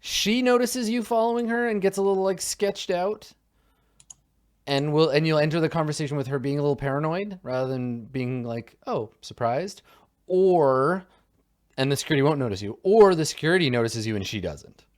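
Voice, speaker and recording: A man's voice: a little high, normal speed, darkish tone. A man running a tabletop role-playing game as game master, narrating in a loose, rambling way with many fillers.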